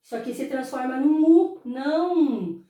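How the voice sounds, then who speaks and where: A woman teacher with a Brazilian Portuguese accent, explaining slowly, drawing words out and answering her own questions. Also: high voice, warm tone. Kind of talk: slow explanatory lesson. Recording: very echoey room, voice far from mic.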